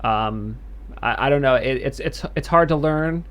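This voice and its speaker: A man who develops games, answering viewer questions in a livestream Q&A with thoughtful, halting explanations. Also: mid-range voice, a bit bright.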